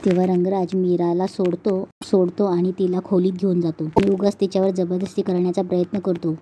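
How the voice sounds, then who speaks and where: A woman's voice: lowish voice, little pitch movement, brisk, dark tone, a little hiss or hum. A woman retelling a TV serial episode, steadily narrating events and reading the dialogue aloud.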